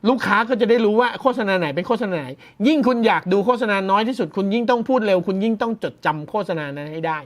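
Loose and unscripted, this male tech news presenter reacts to the story with frequent laughs and the occasional mock-shout. He has a high, animated voice and eases off the pace whenever technical jargon comes up, keeping a chatty, amused tone throughout.

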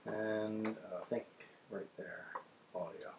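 Slow and a little mellow, this man's lowish voice barely moves in pitch as he chats with viewers while cooking breakfast on a livestream. He fiddles with his audio settings as he goes. Being far from the mic leaves an echoey, cave-like room sound and faint noise.

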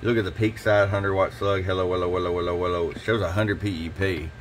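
A low-pitched man talks through a radio tune-up at his repair bench in a relaxed, folksy way. He keeps it casual, like he's talking to a customer. A faint hum sits under his voice. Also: quick pace. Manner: relaxed, folksy, repeats "hello" into the mic while testing. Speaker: CB radio shop owner and technician. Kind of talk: casual workshop demo talk. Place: radio repair workbench indoors.

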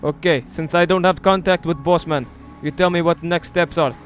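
A man streaming a mafia role-play game, excitable and bossy, shouting orders at his crew. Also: on the high side, moderate pace, soft background music.

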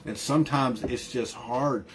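A male pastor delivers a sermon in an earnest, emphatic way, circling back on his words as he pushes each point home. His voice sits at an ordinary middle pitch. A faint hiss of background noise runs under the recording. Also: unhurried. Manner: earnest, emphatic preaching with frequent restarts and repeated words.

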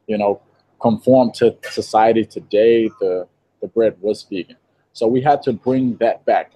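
A young man from Israel talks through a video call from inside a shop, his voice low-pitched and mellow. He tells his story in a relaxed way, with light laughs. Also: slightly rough, poor audio. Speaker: interview guest, vegan baker. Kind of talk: casual interview. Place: indoor shop with green wall. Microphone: earphone headset on video call.

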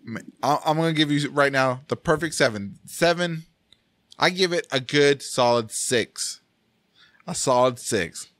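A man's voice: fairly high pitch, measured pace, fairly bright tone, dry recording, studio quality. A man hosting a casual podcast chat, laughing often and tripping over his words. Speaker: podcast host.

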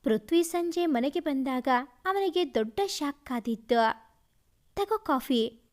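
High-voiced woman telling a story. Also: animated, a little slow, darkish tone. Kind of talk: storybook narration.

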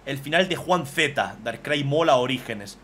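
A man, casually commentating on fan drawings as a streamer, excitable and swearing freely. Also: mid-range voice, measured pace, a little hiss or hum.

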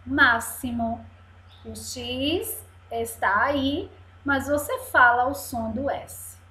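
A woman's voice: high voice, drawn-out words, pushed and bright. A woman teacher gives a video lesson to young children, patiently drawing out each word syllable by syllable. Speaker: primary school teacher. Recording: echoey room sound.

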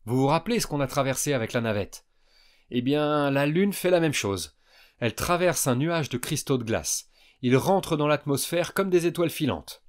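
A man's voice: a little high, expressive, normal speed, voice pushed up, natural voice. A man voicing a clever young boy patiently explaining science. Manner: explanatory, earnest.

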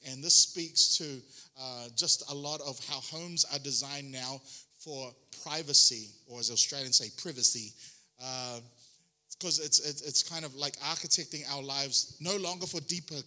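Bright-voiced New pastor preaching. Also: male voice, on the high side. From New Zealand. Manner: chatty, self-deprecating, frequent ums and restarts. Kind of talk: sermon.

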